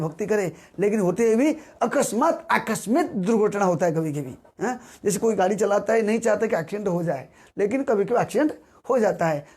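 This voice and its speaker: A man preaching a devotional sermon, repeating his key words and rising in pitch on the words he stresses. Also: a little mellow.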